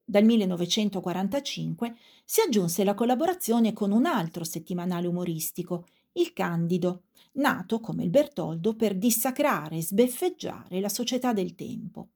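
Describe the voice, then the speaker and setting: A woman narrating a scripted literature lesson in a measured, clear reading. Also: medium pitch, expressive, a little mellow.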